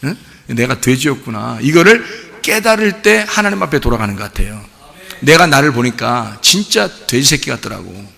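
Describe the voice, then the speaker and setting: A man's voice: medium pitch, big pitch swings, normal speed, vocal fry, sharp tone. A man pastor preaching a sermon in a conversational, storytelling way, acting out his own prayers. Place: church sanctuary. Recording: echoey church hall.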